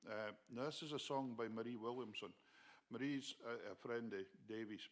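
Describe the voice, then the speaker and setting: A man's voice: mid-range voice, normal speed. A man with a Shetland Scottish accent, chatting casually to online viewers as host of a music session.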